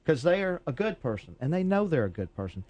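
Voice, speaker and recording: A man who is a police officer, a guest on a talk show, explaining things in a calm, measured way. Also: fairly high pitch, no room sound, highs cut off. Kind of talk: radio talk show interview.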